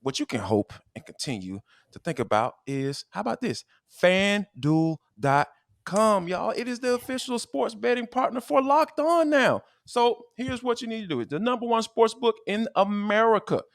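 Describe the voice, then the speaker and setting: Animated man hosting a sports podcast. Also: sits high, normal speed, gravelly, no echo, studio quality. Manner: animated, emphatic, slangy. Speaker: podcast host. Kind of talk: casual sports podcast talk and read ad.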